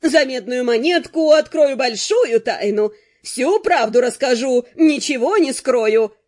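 A woman's voice: sits high, expressive, unhurried, darkish tone. A woman reading an audiobook, voicing a bold and pushy southern fortune-teller who drawls a coaxing sales patter.

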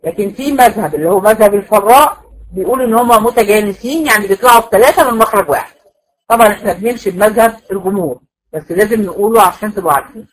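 A woman's voice: mid-range voice, rapid-fire, poor audio. A woman with an Egyptian accent teaching Quran recitation rules in a classroom lecture, patiently repeating points and checking that students follow. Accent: Egyptian Arabic.

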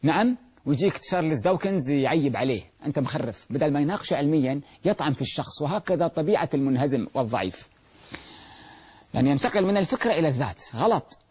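A man's voice: a little high, lively intonation, quick pace, a little mellow, husky. A man giving a televised religious talk, emphatic, asking rhetorical questions and answering them himself. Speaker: religious lecturer.

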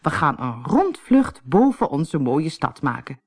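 A woman's voice: deep voice, very animated, breathy edge, heavily acted. A woman voicing a proud, fussy mother witch who speaks sternly in a storybook reading. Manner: stern, hurried.

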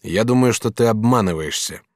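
A man's voice: lowish voice, no echo, studio quality, natural voice. A man playing a proud, commanding master artist. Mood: sly. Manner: firm, measured, commanding. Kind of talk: audiobook character reading.

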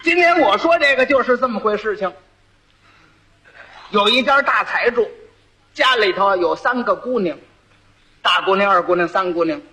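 A man telling a comic folk tale with lively asides to the listeners. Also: high voice, moderate pace, pauses often, rough recording. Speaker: storyteller. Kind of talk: traditional comic storytelling.

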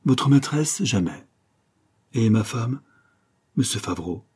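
A man's voice: mid-range voice, lively intonation, takes it slowly, darkish tone, breathy edge, pitched above the performer's own voice, heavily acted. A man reading aloud voices a proud young governess who answers in a firm, dignified way. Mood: proudly firm.

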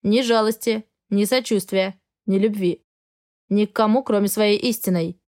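A woman voicing a cold, arrogant male dragon husband who speaks in a flat, indifferent tone. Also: medium pitch, moderate pace, lightly acted.

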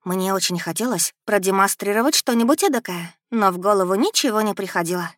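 A woman narrating a first-person audiobook in an even, measured storytelling manner. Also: mid-range voice, no room sound, studio quality.

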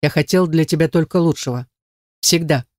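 A man reading an audiobook, voicing a weary, remorseful father who speaks low. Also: normal speed, no room sound, studio quality, lightly acted.

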